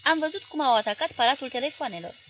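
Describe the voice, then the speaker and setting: An earnest, loyal young man, voiced by a woman reading aloud, answers his boss plainly and quickly. He sounds eager to help. The voice stays close to the reader's own. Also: high-pitched, animated, fairly bright tone, a little hiss or hum, voice pushed up.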